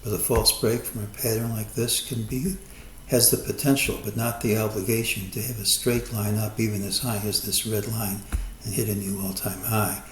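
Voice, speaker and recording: A man talking through a stock market chart forecast in a measured, cautious way, often hedging his calls. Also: on the low side, fairly even intonation, roomy sound, a little hiss or hum. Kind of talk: chart analysis monologue.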